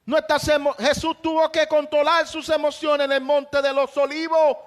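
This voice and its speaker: A male pastor delivers a fervent sermon in a strikingly high-pitched voice. He drives his points home by raising his voice to a shout, then drops back to plain conversational preaching. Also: little pitch movement, moderate pace. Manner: impassioned preaching with shouted emphases.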